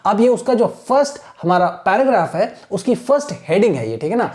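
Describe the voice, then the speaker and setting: Mellow-voiced male teacher. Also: high voice, sing-song, brisk. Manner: patient, repeats a checking tag after nearly every sentence. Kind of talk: classroom lesson, slowly reading English aloud.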